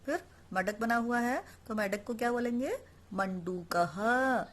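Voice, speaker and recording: A woman's voice: a little high, a little slow. A woman teaching a Sanskrit lesson online, explaining each word and then repeating it, asking the class questions and answering them herself.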